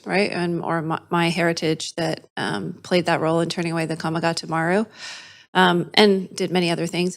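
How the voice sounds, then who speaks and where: A woman, a city councillor who grew up in the UK, speaking informally with many fillers at a council meeting. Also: lowish voice. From United Kingdom.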